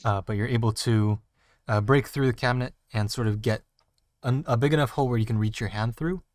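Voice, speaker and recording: A man running a tabletop game as game master, describing the scene with many pauses and fillers. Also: medium pitch, no room sound, clean studio sound. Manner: hesitant, lots of fillers.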